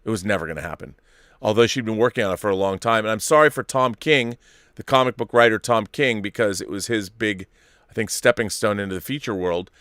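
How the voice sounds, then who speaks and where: A man's voice: on the low side, a little fast, a bit bright, no echo, studio quality. A middle-aged man hosting a live stream, reading viewer messages and rambling through opinions with many restarts. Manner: rambling, self-interrupting, opinionated. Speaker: host reading viewer super chats. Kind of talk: casual live-stream commentary.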